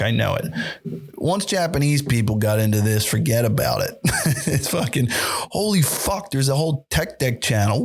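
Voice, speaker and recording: Man, podcast host, gravelly voice, pitch jumping all over, swearing and laughing. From United States. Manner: excitable, swears constantly, laughs often. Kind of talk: casual reaction commentary. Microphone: podcast mic.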